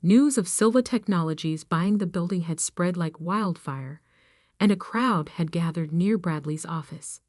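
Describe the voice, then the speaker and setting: A woman narrating a scripted first-person story in a steady, even storytelling delivery. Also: fairly low pitch, a little slow, no echo, clean studio sound.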